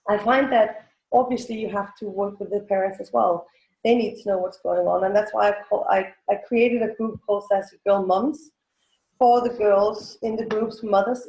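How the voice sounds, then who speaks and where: As an interview guest, a Danish woman in her forties who coaches teens and runs a business speaks casually with a Danish accent, her native-speaker phrasing hesitant and self-correcting. Her medium-pitched voice is a little mellow, and the recording is roomy with an echo.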